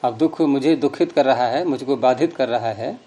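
A man's voice: medium pitch, normal speed, mellow. A middle-aged man teaching a grammar class, explaining patiently and quizzing his students. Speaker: Sanskrit teacher.

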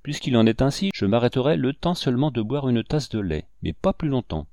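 A man's voice: medium pitch, big pitch swings, fairly quick, warm tone, dry recording. A proud young lady snaps with impatience, played by a man reading a novel aloud, curt and a little embarrassed. The reading is dry and close. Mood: impatient. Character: proud, flustered young noblewoman.

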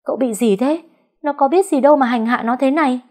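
A woman's voice: fairly low pitch, expressive, fairly quick, slightly rough. A woman voicing a young wife who speaks sharply and reproachfully in an audio story. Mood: angry. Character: young wife, firm and worried.

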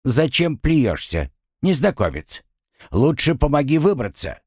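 A man's voice: mid-range voice, sing-song, unhurried, husky, no room sound, clean studio sound, pitched above the performer's own voice. A man doing a grumbling drowned spirit. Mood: pleading. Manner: complaining, exasperated. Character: drowned man's spirit, grumbling, self-pitying, wry. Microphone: close studio mic.

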